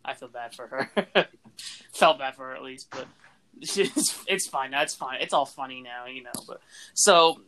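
A young man hosting a podcast, telling stories among old friends with frequent laughter and animated asides. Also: mid-range voice, unhurried, crowd noise. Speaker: podcast host.

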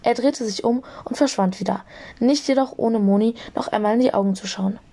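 A young woman narrating a fan audiobook in a lively storytelling manner. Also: on the high side, brisk.

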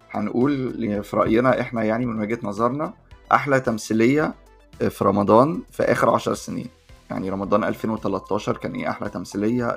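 A man with an Egyptian Arabic accent talks very quickly in a casual podcast chat. His voice is gravelly and slightly husky, with frequent vocal fry, at a medium pitch. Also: fairly bright tone. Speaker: podcast co-host. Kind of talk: casual chat between friends.

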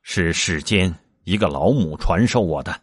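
Stern, gentle monk master, male, low and slow with a husky tone, read by a male storyteller. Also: expressive, no echo, studio quality. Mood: admonishing.

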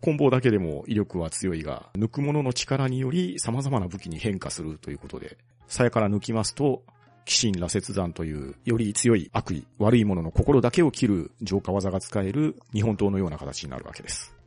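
Low-voiced man explaining at length. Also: fairly quick, breathy edge. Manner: explains at length, calm and methodical. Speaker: podcast co-host presenting a local hero. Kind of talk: casual chat.

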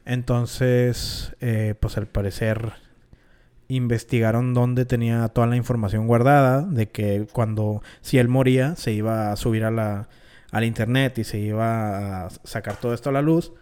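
A man with a Mexican accent and a smooth, clear voice at a medium pitch co-hosts a podcast. He tells stories casually and slangily, stretching them out with halting pauses. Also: steady tone, a little mellow. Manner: halting, slangy, drawn-out storytelling. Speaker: podcast co-host. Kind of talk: casual conspiracy storytelling.

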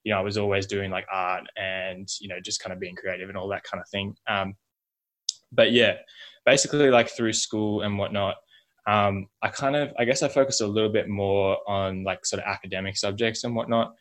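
Informal, low-voiced young Australian man. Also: steady tone, a little fast, fairly bright tone, rough recording. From Melbourne, Australia. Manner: informal, rambling, hedging with like, you know, kinda, whatnot. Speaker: podcast guest, logo and brand designer. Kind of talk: casual interview chat.

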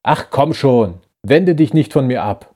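A man's voice: medium pitch, animated, a little slow, warm tone, slightly rough. A man voicing a bitter rebel who betrayed his old friend, talking in an urgent, reproachful way in a science-fiction audiobook. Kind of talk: audiobook character voice.

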